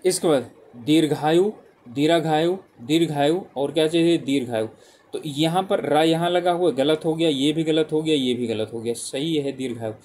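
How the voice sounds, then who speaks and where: A man's voice: fairly high pitch, normal speed, a little mellow. A male teacher going through spelling exam questions one by one, repeating the answer options and often checking in with "ठीक है". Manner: repetitive, keeps saying "ठीक है" and reading options aloud. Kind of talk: exam-prep lesson walking through multiple-choice questions.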